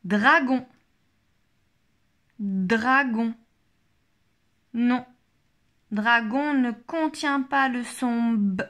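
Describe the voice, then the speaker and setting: A woman teaching a child a phonics listening game, saying each word twice and articulating every sound slowly and carefully. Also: on the high side.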